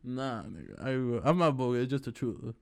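A man's voice: mid-range voice, expressive, normal speed, gravelly, background noise. A young man from Chicago, a podcast guest, rambling and laughing as he tells a story and acts out both sides of an argument. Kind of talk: casual storytelling chat.

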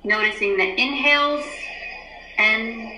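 A woman teacher leading a calm guided grounding and breathing exercise, giving soothing, unhurried instructions with long pauses. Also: a little high, a little hiss or hum. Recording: roomy, echoey indoor sound.

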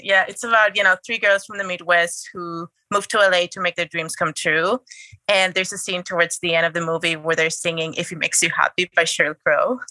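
A woman from Spain in her late 20s appears as a podcast guest and blogger, chatting casually in interview talk and telling stories eagerly. Her voice is on the low side with a sharp tone, fairly quick and fairly even in intonation, in a dry recording.

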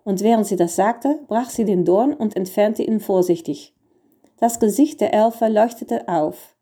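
A woman narrating a children's fairy tale in an even, gentle reading style. Her voice is warm and mellow, and her pitch sits in a middle range. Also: measured pace. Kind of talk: scripted storybook narration.

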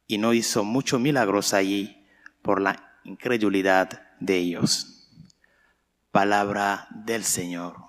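A man who is a priest, reading the gospel and preaching a homily in a slow, measured, solemn way, heard with a cathedral echo. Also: lowish voice, steady tone, fairly bright tone. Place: large church. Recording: long church reverb.

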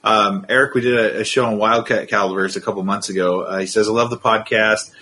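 A man co-hosting a podcast, reading out a listener's question in a plain, steady way. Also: on the low side, fairly quick, a little hiss or hum.

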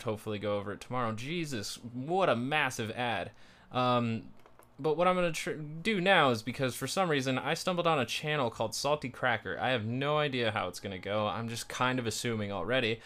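A man giving rambling, sardonic solo commentary in a casual self-described monotone, with frequent fillers and restarts. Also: medium pitch, fast, hardly any pauses. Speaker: commentary streamer.

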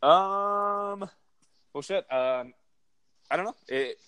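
A young man co-hosting a podcast, talking about films in a relaxed, rambling way. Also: high-pitched, very slow, clean tone, no echo, low-quality recording. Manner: relaxed, rambling, with fillers and restarts. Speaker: podcast co-host. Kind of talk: casual movie chat.

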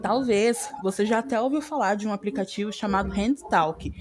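A woman with a Brazilian Portuguese accent hosting a podcast, explaining in a casual, animated way and often correcting herself mid-sentence. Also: mid-range voice, fairly quick, a crowd in the background. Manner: animated, self-correcting, acts out quotes. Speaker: podcast host.

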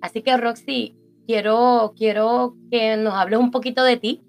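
Puerto Rican woman podcaster, slightly high voice, enthusiastic casual interview, faint music underneath. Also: steady tone, a little slow. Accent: Puerto Rican Spanish. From Puerto Rico. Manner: enthusiastic, warm-hearted praising. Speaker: podcast host.

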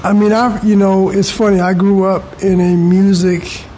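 This guest interview features a middle-aged man from California with a high, dark voice, delivered flatly at normal speed. His talk is loose and chatty, peppered with "you know" and "man." The rough audio has a faint hum of background noise.

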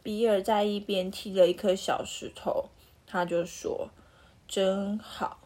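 Parent narrator, Taiwanese Mandarin accent, lively read-aloud, husky tone. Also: female voice, mid-range voice, a little slow. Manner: lively, asks the listener questions. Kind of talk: picture-book read-aloud.

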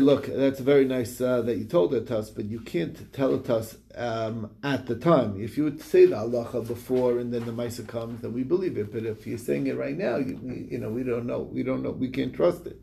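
A man's voice: medium pitch, normal speed, creaky, dark tone. A man casually retelling a Talmud story in quoted back-and-forth dialogue, with fillers and restarts. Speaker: Talmud study reviewer.

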